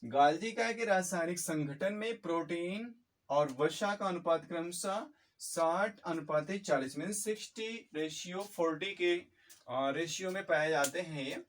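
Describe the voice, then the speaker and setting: Fast-talking male biology teacher. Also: fairly high pitch, recorded from a distance. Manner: quick, repetitive explanations mixing in English terms. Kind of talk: fast-paced biology lecture.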